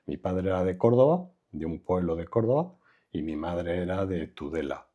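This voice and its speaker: This older man from Madrid, Spain, speaks in a low, husky voice that is expressive and warm. An architect appearing as an interview guest, he talks in a reflective, unhurried way, trailing off with fillers in a relaxed conversation. The sound is lo-fi.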